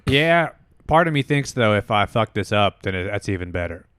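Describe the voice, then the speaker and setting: Deep, smooth-voiced man hosting a podcast. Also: very animated, a bit bright, no echo, studio quality. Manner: easygoing, quick to laugh, riffs on jokes. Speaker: podcast host. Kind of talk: casual chat.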